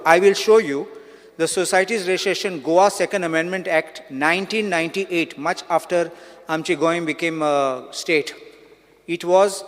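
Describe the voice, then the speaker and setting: A man, a legislator and advocate, raising measured, insistent legal objections in a debate. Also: fairly high pitch. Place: legislative assembly hall. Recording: long hall reverb.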